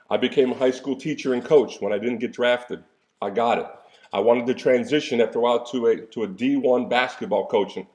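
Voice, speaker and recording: A man in his sixties, a coach and pastor, gives a casual motivational talk full of folksy, preacherly asides, coughing now and then. His voice is medium-pitched and a little mellow.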